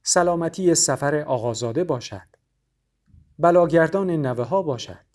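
A man's voice: a little high, lively intonation, a little mellow, lightly acted. Audiobook casting: a man voicing a pious, respectful neighborhood butcher. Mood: deferential. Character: deferential male butcher, polite and pious.

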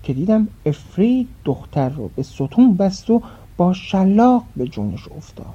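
A woman storyteller in a dramatic, expressive scripted narration, on a dull lo-fi recording. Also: fairly low pitch, breathy edge.

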